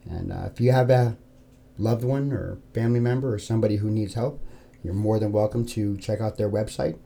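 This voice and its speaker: A man's voice: fairly low pitch, steady tone, brisk, vocal fry, dark tone. American man hosting an earnest, informal podcast. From New York, United States. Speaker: podcast host. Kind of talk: informal talk to listeners.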